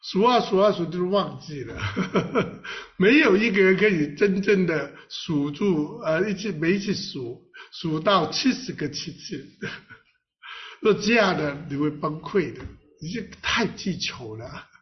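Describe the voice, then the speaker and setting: Lively, slow-paced man preaching a sermon. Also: on the high side. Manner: lively, playful preaching with laughs and rhetorical questions; reads scripture aloud with the congregation. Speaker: pastor. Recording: dull lo-fi recording.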